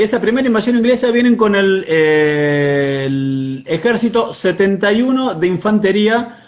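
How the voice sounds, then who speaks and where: A man with a Buenos Aires Argentine accent, telling history conversationally with wry, playful asides. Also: on the high side. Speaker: history segment presenter.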